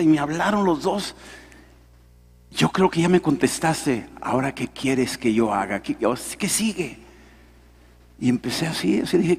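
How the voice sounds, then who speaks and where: A man's voice: fairly high pitch, slightly rough. A middle-aged Mexican man, a pastor, telling his story in a sermon and acting out the dialogue. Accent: Mexican Spanish. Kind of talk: sermon testimony. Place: large hall at a men's conference. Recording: echoing hall reverb.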